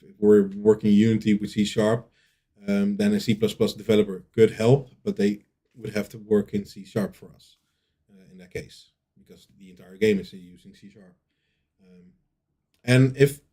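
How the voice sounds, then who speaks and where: Man, lead dev in a casual Q&A, mellow dark tone, halting delivery full of ums and restarts. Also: on the low side. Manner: hesitant, many fillers and restarts. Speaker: lead game developer. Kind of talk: casual Q&A answers.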